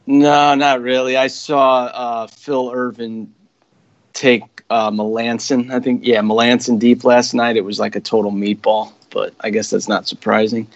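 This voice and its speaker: A man co-hosting a casual podcast, talking in a laid-back, halting way with many fillers. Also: mid-range voice, flat delivery, no room sound. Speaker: podcast co-host. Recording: dry, dull lo-fi audio.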